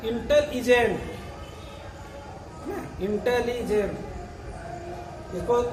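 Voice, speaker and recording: A male teacher explaining grammar. He keeps asking rhetorical questions, answers them himself, and patiently repeats and spells out words. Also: very high-pitched. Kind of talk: classroom grammar lesson. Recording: echoey room, voice from far off.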